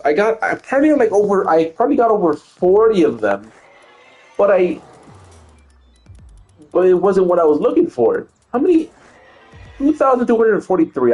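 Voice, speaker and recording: A young man with a medium-pitched, darkish voice gives casual commentary while streaming a game. He rambles, stutters and restarts his words, and swears often.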